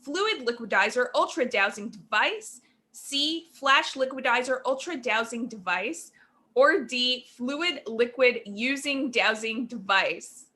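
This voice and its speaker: Woman co-host reading quiz questions; bright, slightly high voice, playful and giggly. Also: animated. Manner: playful, giggly, reads options aloud deliberately. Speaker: trivia co-host.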